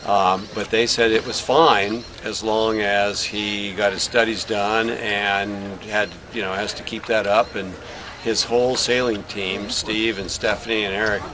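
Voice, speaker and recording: A middle-aged sailor and father of a young racer chats in a casual outdoor interview, his voice low with little pitch movement and an unhurried pace. He tells stories packed with fillers, and the recording is noisy.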